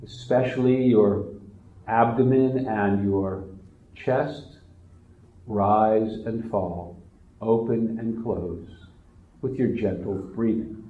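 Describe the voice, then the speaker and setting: A man leading a guided relaxation meditation in a slow, soft, soothing manner. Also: fairly low pitch, fairly even intonation, reverberant, narrow, tinny audio.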